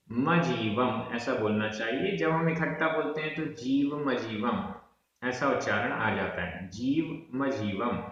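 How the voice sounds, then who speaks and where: A male language teacher who recites verses at a very slow, deliberate pace and then explains them patiently. His voice sounds distant and dull, as if from a lo-fi recording. Heavy room echo surrounds every word. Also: medium pitch, fairly bright tone.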